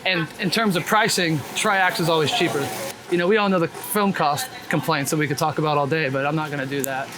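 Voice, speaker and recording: Out walking on a noisy city street, with clear traffic and street noise behind him, a man chats casually and candidly, slangy and sweary. He's a guest, a street photographer and former BMX vlogger, whose voice is on the high side, steady in tone, and fairly quick.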